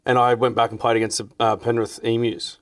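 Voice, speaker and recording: A man hosting a casual podcast, trading quick, laughing banter and stories. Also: medium pitch, level tone, dry recording, far from the mic. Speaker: podcast host. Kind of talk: casual chat.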